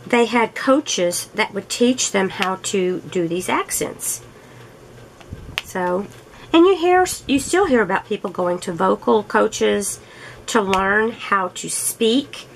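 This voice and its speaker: Crafting-channel host, female, unhurried rambling chat, slight fry, faint background noise. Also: medium pitch, fairly bright tone, low-quality recording. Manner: slow, rambling, chatty with laughs. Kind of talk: casual chat while crafting.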